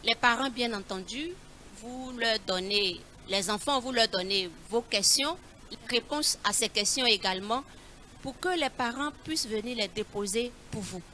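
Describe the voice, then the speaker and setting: Bright, sharp-voiced woman hosting a children's Bible quiz; slow, repeated clues; faint background noise. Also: on the high side. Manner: slow, repeats each clue, coaxing.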